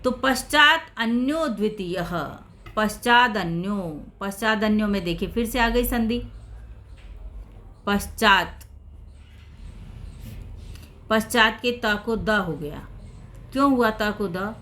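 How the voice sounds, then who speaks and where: A woman's voice: mid-range voice, slow pace, pauses often, sharp tone. A woman teaching a Sanskrit lesson in Hindi, explaining grammar patiently step by step and repeating each example.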